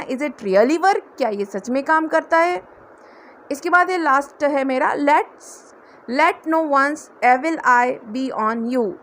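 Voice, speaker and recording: High-voiced woman teaching English. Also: a little hiss or hum. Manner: patient, explains each phrase step by step. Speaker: English tutor. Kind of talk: spoken English lesson.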